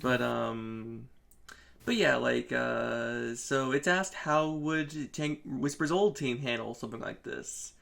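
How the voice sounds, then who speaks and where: A man with a middle-pitched voice recaps a comic in casual review chat. He talks in a halting way, full of restarts, with a wry edge. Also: gravelly, a bit bright. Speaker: podcast co-host.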